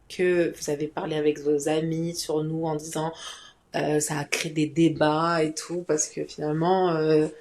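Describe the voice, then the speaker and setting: Playful, chatty woman with a lowish voice. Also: mellow. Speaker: podcast co-host. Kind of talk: casual chat.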